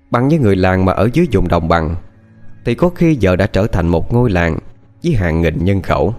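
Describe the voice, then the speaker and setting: Low-voiced guy reading a spooky story, lots of rise and fall, faint music under it. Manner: steady storytelling with lively intonation. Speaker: audiobook narrator. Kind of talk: scripted narration.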